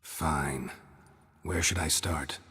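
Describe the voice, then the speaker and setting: An actor voicing Geralt, a gruff middle-aged male monster hunter in a video game, speaking in terse, dry, clipped lines over game music. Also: very deep voice, steady tone, extremely slow, sharp tone, exaggerated voice.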